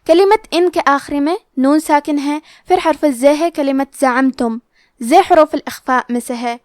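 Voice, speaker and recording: A woman teaching Quran recitation rules, explaining each letter and rule slowly and carefully. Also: high voice, no room sound, clean studio sound. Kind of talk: tajweed lesson explanation.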